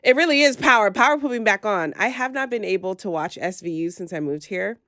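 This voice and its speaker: A woman hosting a podcast, chatting casually in a slangy, animated way with quick asides. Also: mid-range voice, no room sound, clean studio sound. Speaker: podcast host. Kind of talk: casual gossip chat. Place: lives in New York.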